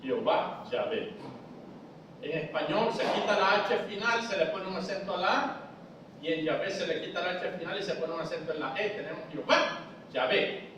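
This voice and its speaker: High-voiced preacher teaching, echoey hall. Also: male voice, expressive, moderate pace, far from the mic, background noise. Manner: explains step by step, asks the audience if they follow. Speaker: preacher teaching a Bible study. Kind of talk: church Bible study lesson. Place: church hall. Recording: echoey church hall, voice from afar.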